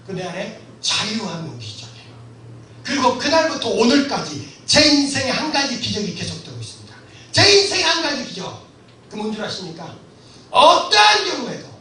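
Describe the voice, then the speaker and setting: Male pastor, middle-aged, fervent storytelling sermon with frequent shouts; high, bright voice; very reverberant church hall, distant mic, faint hiss. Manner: impassioned, storytelling, often shouting. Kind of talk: sermon lecture to a congregation.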